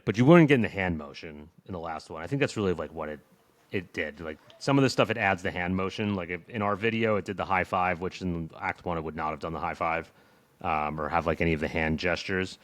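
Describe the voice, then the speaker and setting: A man co-hosts a podcast of casual tech chat, keeping it loose and talkative, laughing often and leaning heavily on "like" as a filler. His voice is low and brisk, with no echo.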